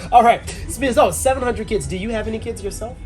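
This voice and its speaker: High-pitched man bantering as a host. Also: fast talker, soft background music. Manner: excitable, jokey, laughs often, repeats phrases. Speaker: cruise director and game show host. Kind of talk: casual bantering interview.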